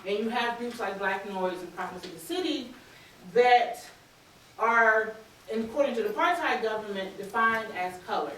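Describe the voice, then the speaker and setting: A woman in her thirties lectures from a lectern, earnest and measured, with ums between her thoughts. Her voice sits a bit high, and it rings through a very echoey hall, picked up from some distance away. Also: fairly bright tone, slight background noise. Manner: earnest lecturing with frequent ums, reading quotes aloud. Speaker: academic speaker. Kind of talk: conference talk. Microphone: lectern microphone.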